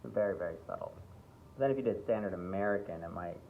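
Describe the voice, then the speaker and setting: A man teaching an acting workshop in a relaxed way. He often repeats himself and checks in with "okay?" and "right?". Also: low voice, fast talker, vocal fry. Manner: breaks into playful accent demonstrations. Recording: tinny phone-like sound with faint background hiss.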